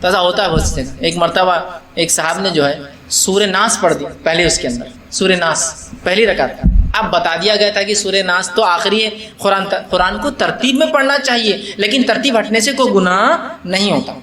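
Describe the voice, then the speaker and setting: A man's voice: high voice, sharp tone, reverberant. A male Islamic preacher answering audience questions in a religious talk, explaining step by step with rhetorical questions and mixing English words into his speech.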